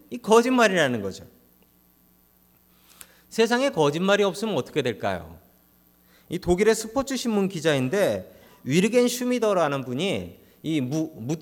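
A man preaching a humorous Sunday sermon as pastor, speaking directly to the congregation and acting out quoted voices. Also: sits high.

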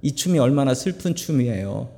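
A middle-aged man preaching a sermon, telling stories with humorous asides in an animated way, recorded in a church sanctuary. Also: mid-range voice, brisk, vocal fry. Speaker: pastor. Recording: long church hall reverb.

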